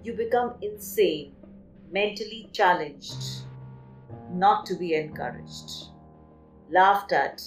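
A woman from Kolkata with an Indian English accent hosts a poetry podcast and recites her poem in an emphatic voice with dramatic pauses. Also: on the low side, faint music behind, poor audio.

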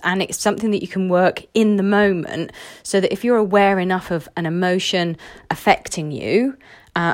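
A woman's voice: mid-range voice, no echo. Chatty woman coach, dry close sound. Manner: chatty storytelling with many fillers and restarts. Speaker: career coach. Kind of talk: casual talking-to-camera advice.

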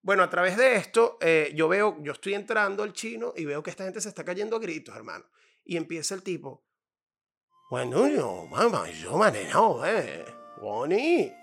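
A Venezuelan man delivering a comedic advice monologue, his voice pitched high with a gravelly rasp underneath. He tells stories with animated flair and tosses in playful asides to the listener. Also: a little fast, soft background music.

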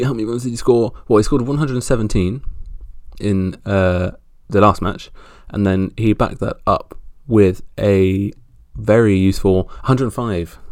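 Gravelly-voiced man hosting a sports podcast. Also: fairly low pitch, darkish tone, no room sound, clean studio sound. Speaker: podcast host. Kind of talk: casual solo sports roundup.

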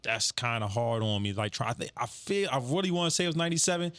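A man with a bright, forward voice chats casually. He thinks aloud while recalling details, recorded dry and close. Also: medium pitch, lively intonation, fast talker, no room sound. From Baltimore area. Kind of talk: casual chat.

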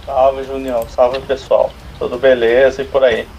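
A man's voice: medium pitch, little pitch movement, moderate pace, creaky, darkish tone. A man with a Brazilian accent chatting casually as a radio co-host. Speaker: regular radio show co-host. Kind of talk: casual chat. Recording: dull lo-fi sound with faint noise.

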